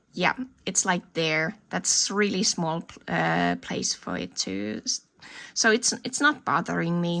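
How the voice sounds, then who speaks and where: A woman's voice: fairly low pitch, vocal fry, fairly bright tone. A woman giving a casual tour of her indoor plants, thinking aloud and often correcting herself. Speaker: hobby plant grower showing her collection. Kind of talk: casual show-and-tell video tour. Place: indoor plant growing space.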